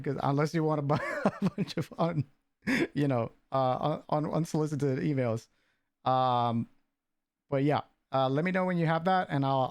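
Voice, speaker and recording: A man hosting a livestream, chatting casually and getting excitable, bursting into laughter and shouts. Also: mid-range voice, no room sound. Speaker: stream host.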